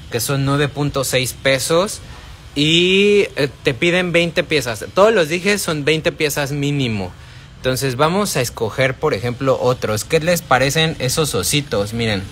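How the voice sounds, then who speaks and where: A man's voice: fairly high pitch, fairly bright tone, a little hiss or hum. A man with a Mexican accent hosting a casual live stream from a shop, talking to viewers by name and answering their chat. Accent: Mexican Spanish. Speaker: live-stream shopping host. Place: indoors in a wholesale shop. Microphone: phone held at arm's length.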